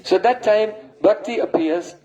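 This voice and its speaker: A man's voice: high-pitched, moderate pace, mellow, highs cut off. A man, a spiritual teacher, giving a devotional lecture and often checking in with his listeners with a questioning "hmm?". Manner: breaks into sung and chanted verses.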